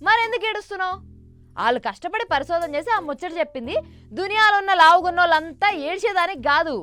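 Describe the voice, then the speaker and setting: A woman's voice: very high-pitched, lively intonation, quick pace, fairly bright tone, no echo. A woman, scolding and teasing in a comedy news skit. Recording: voice over background music.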